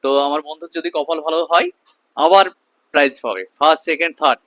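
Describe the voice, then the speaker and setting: Fast-talking salesman, higher-pitched voice. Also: fairly bright tone, no echo. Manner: repetitive, emphatic promotional delivery. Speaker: shopkeeper presenting a promotional video. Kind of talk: sales pitch to camera with customer chat.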